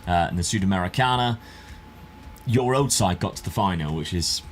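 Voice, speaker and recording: Low-voiced and animated, this man hosts a football management game video at a normal speed, chatting casually between scripted narration. The tone stays relaxed and conversational, with a little noise in the background.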